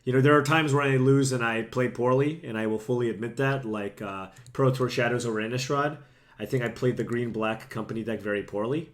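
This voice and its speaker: Feeling a bit sick and losing his voice, a young streamer talks casually to his chat while playing a card game on a live stream from home. He sounds chatty and self-deprecating, with a medium pitch and slightly fast delivery.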